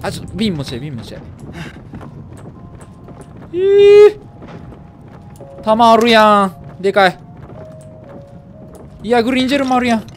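A man's voice: high-pitched, very animated, moderate pace, long pauses, soft background music. A man with a Kansai accent commenting on a horror game he plays, letting out startled yelps and joking curses. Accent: Kansai Japanese. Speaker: gamer.

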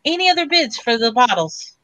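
A woman's voice: a little high, very animated, fairly quick, pushed and bright, no echo, low-quality recording. Chatty woman running a live auction. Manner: chatty, loose, with fillers and trailing phrases. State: throat tickling, coughing. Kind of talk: casual live-stream selling.

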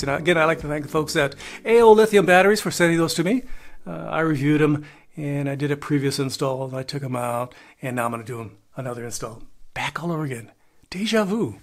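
Folksy older man rambling about RV plans. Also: medium pitch. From Texas. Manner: rambling, many "uh" fillers, folksy asides. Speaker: RV travel vlogger. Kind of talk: casual talking-head update. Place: plain indoor room, grey wall.

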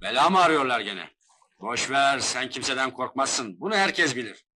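A steady gendarme, speaks with a very bright, forceful edge at a middling pitch. His manner is earnest and measured, as in a dubbed film drama. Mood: earnest, reassuring.

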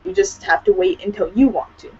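A teenage student from Hawaii joins a video call from a small room at home for a casual chat, using "like" and "you know" a lot. Her mid-range voice is creaky and a little mellow, a little fast, with big pitch swings. The computer audio is dull and lo-fi, with slight background noise.

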